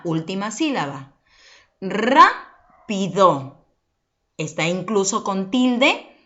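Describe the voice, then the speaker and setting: Patient woman teacher with lively pitch. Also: highs cut off. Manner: patient, asks rhetorical check questions. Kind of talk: online class for children.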